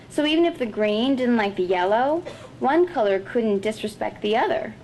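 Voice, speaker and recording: A woman's voice: medium pitch, creaky, slight background noise, rough recording. Woman reading her fiction aloud. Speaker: author. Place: literary festival event.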